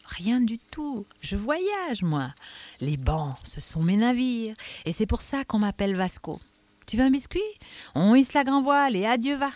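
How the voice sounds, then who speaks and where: A woman's voice: on the high side, very animated, unhurried, darkish tone, no echo, pitched above the performer's own voice. A woman reading aloud, voicing an evasive old male vagabond in a light, airy, half-whispered way. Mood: whimsical.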